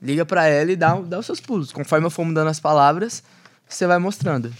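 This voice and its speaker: A man's voice: a little high, fast talker. A man hosting a podcast, friendly as he explains a game step by step. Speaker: podcast host.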